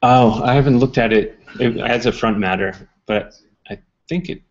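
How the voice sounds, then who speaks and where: A man presenting a casual technical talk, relaxed, with many ums and uhs. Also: medium pitch, moderate pace. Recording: muffled talk recording.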